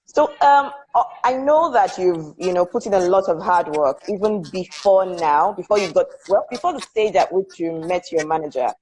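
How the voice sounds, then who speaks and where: Nigerian woman host, lowish voice, chatty; video-call live stream. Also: expressive, a little mellow, poor audio. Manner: chatty, reads out viewer names slowly. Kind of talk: casual live-stream interview.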